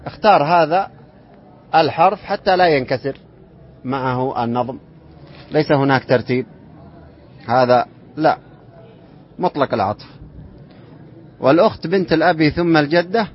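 A man teaching an Islamic inheritance lesson to students, reciting verse lines slowly and then explaining them and quizzing the class. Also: on the high side, slight background noise. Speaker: sheikh teaching inheritance law. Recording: dull lo-fi classroom recording.

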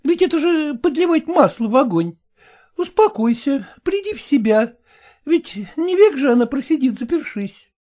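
A woman voicing an exasperated middle-aged mother who defends herself and tries to calm her husband, in an audiobook reading. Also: high voice, moderate pace. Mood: soothing. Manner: defensive, pleading.

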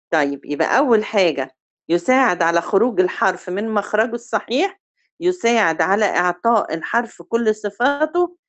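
A woman with an Egyptian Arabic accent teaching a recitation review lesson. She quizzes her students and stretches example words out slowly to demonstrate them. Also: mid-range voice.

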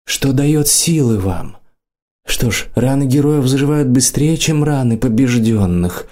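A man reading the part of an old desert mage who talks slowly, curtly and warily. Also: medium pitch, expressive, dark tone, voice pushed up, lightly acted. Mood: measured.

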